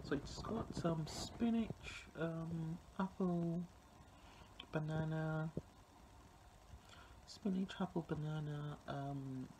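A woman vlogger with a low voice chats casually in small rooms at home, including the kitchen, speaking slowly and pausing often. She's recorded on a handheld phone at arm's length, so the audio is noisy, with room ambience.

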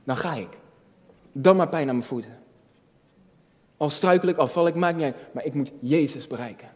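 A man's voice: fairly high pitch, moderate pace. A man preaching a sermon as a youth pastor, talking in a loose, conversational way with many restarts and then building to emphatic peaks. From Netherlands. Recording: long hall reverb.

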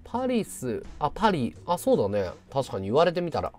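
A man in his thirties chats casually on his livestream, breaking into loud, excitable bursts of thanks. His slightly high voice swoops up and down. Faint music plays behind him. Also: brisk. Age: 30s. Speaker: livestream host.

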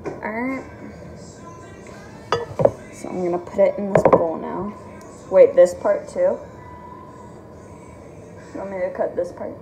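A woman's voice: medium pitch, takes it slowly, long pauses, dull audio. Young woman chatting while cooking at home. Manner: relaxed, chatty, asks questions while working. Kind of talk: casual home cooking chat. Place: home kitchen, indoors. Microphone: phone camera on the counter. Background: background music.

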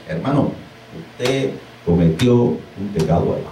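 A man's voice: on the low side, measured pace, a little hiss or hum. A man who is a deliverance minister, preaching informally to a small group, acting out exclamations and laughing as he goes, recorded far from the mic in an echoey room. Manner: animated, mimics exclamations, laughs while preaching.

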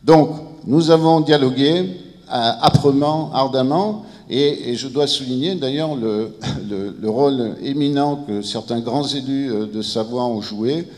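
A civil protection director in his fifties or sixties gives a formal, semi-improvised presentation at a conference, halting and searching for words. His medium-pitched, slightly mellow voice comes through a handheld mic held close to his mouth, echoing in a large indoor conference room before a seated audience.

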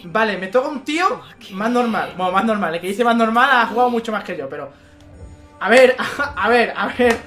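A man with a Spain Spanish accent giving excitable let's play commentary, with frequent swearing and exclamations. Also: high-pitched, moderate pace, over music. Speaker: gaming channel host.

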